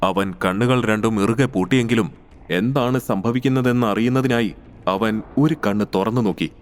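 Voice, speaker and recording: A man narrating a scripted audio story in a steady, measured way. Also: lowish voice.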